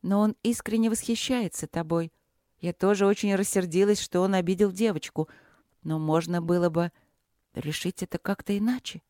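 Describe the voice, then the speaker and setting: A narrator voicing a gentle young wife who pleads carefully and softly. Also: medium pitch, normal speed, dry recording, clean studio sound, lightly acted. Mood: pleading. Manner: careful, soft-spoken pleading.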